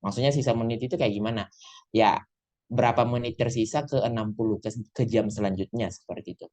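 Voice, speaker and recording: A man's voice: medium pitch, fairly quick, darkish tone. Chatty male English tutor on a video call. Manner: chatty, mixes English phrases into explanations. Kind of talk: online class lecture. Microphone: computer mic on a video call.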